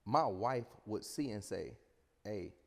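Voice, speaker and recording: His voice is lowish and creaky, animated but slow-paced, as this entrepreneur from the Bronx shares his story on a podcast. He speaks emphatically, circling back to the same phrases and checking in with "you know what I'm saying," all in a reverberant, hall-like room.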